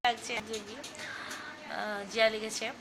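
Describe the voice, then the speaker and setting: A woman's voice: a little high, little pitch movement, a little slow, background noise. A woman hosting a casual live stream, reading fan comments aloud in a chatty, teasing way and singing snatches of song. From Bangladesh.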